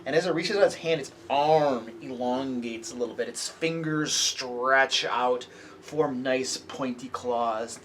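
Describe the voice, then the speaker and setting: A man's voice: mid-range voice, unhurried. A man running a tabletop fantasy game, switching between descriptive narration and casual table talk. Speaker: game master. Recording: clearly noisy room.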